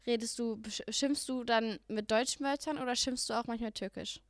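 A young woman co-hosting a casual podcast chat, animated, laughing and swearing freely. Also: fairly high pitch, moderate pace, no room sound, clean studio sound. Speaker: podcast co-host.

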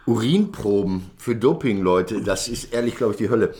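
A man co-hosting a podcast, telling a story in casual chat, acting out the other people in it with sudden high voices and laughing often. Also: moderate pace. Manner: animated, acts out voices in his anecdote with big jumps up in pitch. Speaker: podcast co-host.

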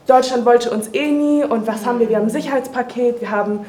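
A woman's voice: on the high side, quick pace, mellow. A young woman in the audience asking a panel an earnest question from the floor. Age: young adult.

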